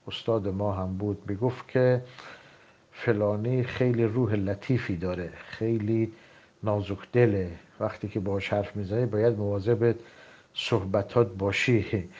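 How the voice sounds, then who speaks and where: A man lecturing to a class in a voice of middling pitch, explaining step by step and stopping now and then on a drawn-out filler. The sound is a bit dull and lo-fi. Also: darkish tone.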